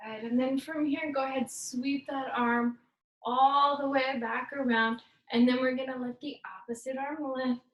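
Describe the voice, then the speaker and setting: This time the instructor's high voice holds a steady tone at normal speed, with the highs cut off and the mic distant in an echoey room. She leads the workout with upbeat, playful cues mixed with Spanish words.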